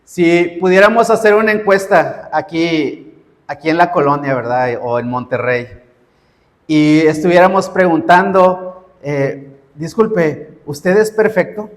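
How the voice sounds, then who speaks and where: Pastor guy preaching slow, high voice, big echoey hall. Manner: preaching with rising, emphatic repeated cries. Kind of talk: sermon.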